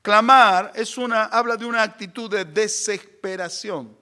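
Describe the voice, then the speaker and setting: A middle-aged man, preaching a sermon and acting out crying and shouting. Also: high-pitched, measured pace, clean tone. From Argentina. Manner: animated, acts out crying babies and shouts. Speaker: pastor.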